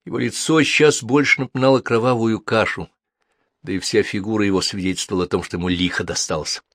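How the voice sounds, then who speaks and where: A man reading a crime audiobook as narrator, in a steady, even delivery. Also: on the low side, fast talker, no room sound, clean studio sound. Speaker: audiobook reader.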